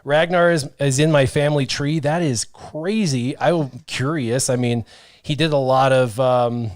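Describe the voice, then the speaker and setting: A man's voice: medium pitch, steady tone, measured pace, no room sound. A man in his thirties hosting a casual livestream from a small home studio, reading viewer comments aloud and joking about himself. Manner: reads chat comments aloud, jokey and self-deprecating. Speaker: host. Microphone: studio mic with headphones.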